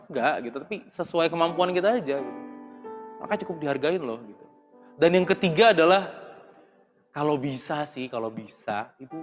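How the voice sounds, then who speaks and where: Young male speaker, casual, slangy and filler-heavy, fairly high voice, long reverb and faint music behind. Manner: relaxed, chatty, slangy, with many fillers. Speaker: speaker at youth Bible study. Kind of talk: casual talk.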